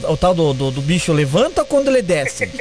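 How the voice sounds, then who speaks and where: A man's voice: on the high side, very animated, fast talker, a little mellow. A man with a southern Brazilian accent from Santa Catarina, hosting a radio phone-in with teasing banter into a studio mic. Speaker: radio host. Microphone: studio mic with headphones. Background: music.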